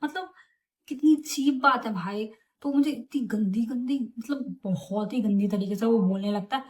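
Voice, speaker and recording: A young adult woman telling a story in a casual vlog, chatty and animated, with English words mixed into her talk. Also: a little high, moderate pace. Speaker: vlogger.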